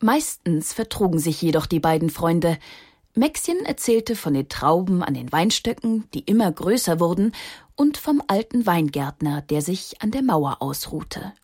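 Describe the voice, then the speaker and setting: A woman narrating a children's story in a calm, measured storytelling voice. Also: fairly low pitch, husky, dry recording, clean studio sound. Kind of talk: storytelling read aloud.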